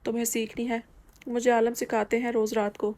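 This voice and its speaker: Naive young wife, sulky, indignant, woman reading her lines, flat steady voice. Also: on the high side, natural voice. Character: naive young wife, innocent and hot-tempered.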